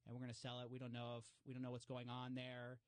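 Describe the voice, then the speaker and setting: A man talking casually as an interview guest. He explains fraud cases with lots of fillers and restarts, and he jumps higher when he acts out what other people said. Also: fast talker, no room sound. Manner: animated, acts out quoted remarks with raised pitch. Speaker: guest commentator on fraud stories.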